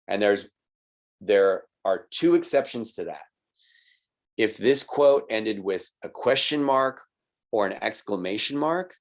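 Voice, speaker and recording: A man teaching a recorded online college writing lesson, explaining patiently and checking in with "right?" and "okay?". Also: low-pitched. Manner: explanatory, patient, with little laughs.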